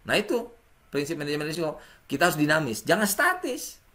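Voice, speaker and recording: A man giving a classroom lecture, animated and acting out sample messages with wide swings in pitch. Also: a little fast.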